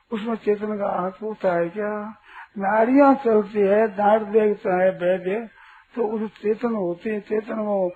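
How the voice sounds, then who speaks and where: A man giving a spiritual discourse to an audience as a teacher, asking rhetorical questions and sternly correcting a questioner. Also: sits high. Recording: tinny lo-fi recording with faint hiss.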